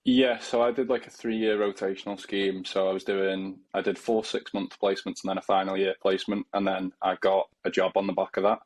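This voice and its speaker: A twenty-six-year-old man hosting a podcast, asking questions in a measured, relaxed way. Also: sits low. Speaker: podcast host. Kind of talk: casual podcast interview.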